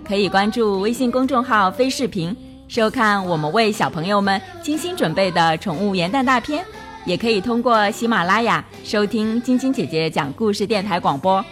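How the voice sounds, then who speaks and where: A woman narrating a bedtime story for children, gentle and measured. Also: mid-range voice.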